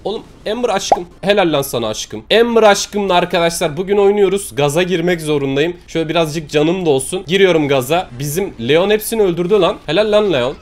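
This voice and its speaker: A young man giving loud, excitable commentary on his gameplay as a gaming YouTuber, yelping and swearing mid-match. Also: high voice, a little fast, few pauses. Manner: loud, excitable, yelps and swears during play.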